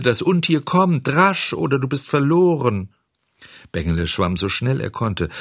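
A man narrating a children's tale as an expressive audiobook reader. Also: on the low side, husky, no echo, studio quality. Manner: expressive storytelling.

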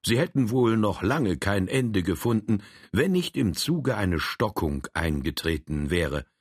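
A man narrating an adventure story in a steady storytelling manner. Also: on the low side, a little slow, slightly rough, no room sound, clean studio sound. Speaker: audiobook reader. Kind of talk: scripted narration.

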